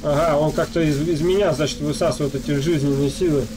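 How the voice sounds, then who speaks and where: A man's voice: on the high side, steady tone, quick pace. A man giving casual game commentary, half talking to himself and half to viewers as he plays. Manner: muttering to himself while playing, addressing viewers. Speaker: gamer, let's play host. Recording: noisy, game sound behind voice.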